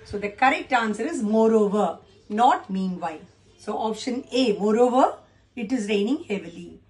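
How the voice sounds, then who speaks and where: A woman's voice: mid-range voice, expressive, normal speed, a little mellow. Woman teacher explaining answers. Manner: patient, explains step by step with questions to students. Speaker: English teacher. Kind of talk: exam answer-key lesson.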